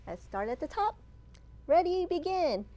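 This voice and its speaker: A woman in her thirties, a children's librarian, hosts storytime in a library's children's area, using simple, encouraging phrases for young listeners. Her mellow voice is very high-pitched and very animated, kept at a measured pace.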